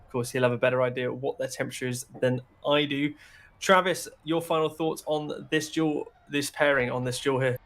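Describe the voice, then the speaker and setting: A man's voice: mid-range voice, flat delivery, fairly quick, a bit bright. A man doing color commentary on sim racing, chatty and joking in his analysis.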